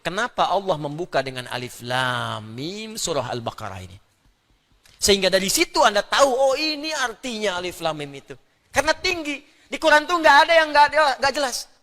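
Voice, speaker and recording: Animated male preacher in a reverberant hall. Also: sits high, a little fast. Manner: animated, playful, demonstrates sounds aloud. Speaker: Islamic preacher. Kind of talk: religious lecture.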